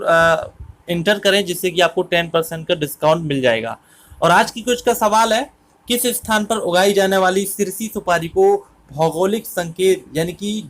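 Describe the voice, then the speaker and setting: A man tutoring students through an exam-prep quiz, his voice sitting a little high for a man. He explains each question steadily and repeats the correct option before moving on. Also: fairly bright tone. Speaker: current affairs quiz tutor.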